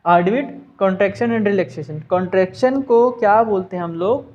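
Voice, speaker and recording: A man's voice: sits high, normal speed, darkish tone, dull audio. A man teaching a science class, with a Hindi accent, who asks and answers his own questions and mixes in English terms. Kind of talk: class lesson.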